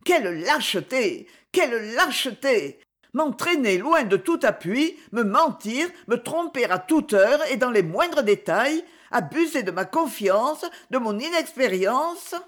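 A woman's voice: a little high, big pitch swings, measured pace, voice pushed up. Woman voicing Brigitte, a betrayed young woman. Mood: outraged. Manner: emotional, pleading, outraged. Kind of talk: audiobook character voice.

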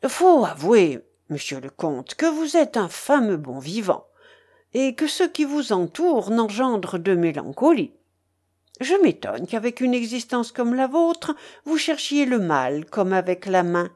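A woman's voice: fairly high pitch, big pitch swings, unhurried, a little mellow. A woman voicing a rustic middle-aged village mayor, hearty, rambling and tipsy. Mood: jovial.

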